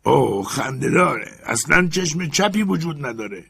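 A man voicing an old male servant who is timid but stubborn, speaking in a high, strained, pleading way. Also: sing-song, vocal fry, bright, forceful tone, breathy edge, exaggerated voice. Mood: nervous, pleading.

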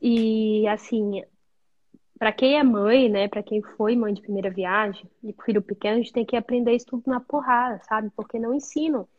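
Casting: talkative woman, somewhat high pitch, mother guest sharing parenting experience, lo-fi sound. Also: normal speed, darkish tone. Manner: chatty, explanatory, frequent tag questions. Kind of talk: casual conversation.

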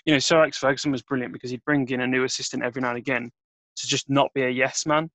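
A man hosting a casual football podcast, relaxed and hesitant with many fillers. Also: medium pitch, rapid-fire, no echo, rough recording. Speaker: podcast host.

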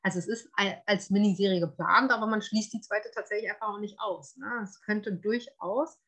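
A woman's voice: mid-range voice, brisk, a bit bright, husky. A woman co-hosting a podcast, reviewing a series in casual chat, chatty with many fillers. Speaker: podcast co-host.

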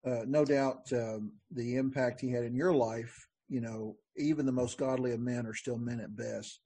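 Guy hosting a podcast, kinda husky, dry close sound, chatty with lots of uhs. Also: medium pitch, fairly even intonation, moderate pace, dark tone, dry recording. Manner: conversational, many fillers and restarts. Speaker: podcast host. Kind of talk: casual podcast talk.

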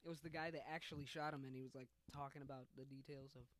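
A man's voice: medium pitch, steady tone, quick pace, a bit bright, slight background noise. A man, co-hosting a casual podcast and talking loosely and profanely. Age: 20s. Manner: loose, profane, laughing often. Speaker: podcast co-host.

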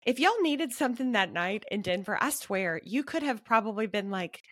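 A woman's voice: medium pitch, expressive, moderate pace, fairly bright tone, no room sound, clean studio sound. Effusive woman, closely recorded. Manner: effusive, gushing. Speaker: podcast host. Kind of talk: casual interview chat.

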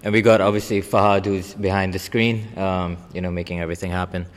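A man hosting a podcast, chatting in a friendly way with lots of fillers, often trailing off softly. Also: deep voice, level tone, quick pace, in a large hall. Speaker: podcast host. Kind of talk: casual podcast chat.

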